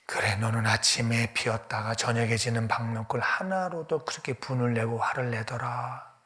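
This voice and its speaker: God, loving fatherly figure, pleading and intense, voiced by a male preacher; high, ringing voice. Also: big pitch swings, a little slow, exaggerated voice. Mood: hushed tender. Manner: impassioned, rising to loud cries, then falling to a hushed whisper. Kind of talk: sermon with dramatized dialogue.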